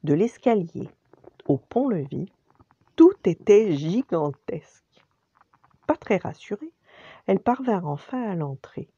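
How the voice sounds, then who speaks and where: An older woman, a grandmother, telling a bedtime story gently and expressively, sometimes dropping to a whisper. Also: medium pitch, very animated, unhurried, long pauses, husky, dry recording, lo-fi sound.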